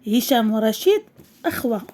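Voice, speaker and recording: Slow, clear Moroccan woman teaching. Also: fairly high pitch, sing-song, warm tone. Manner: slow, clear, repeats words and syllables. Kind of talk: French lesson for young pupils, explained in Arabic.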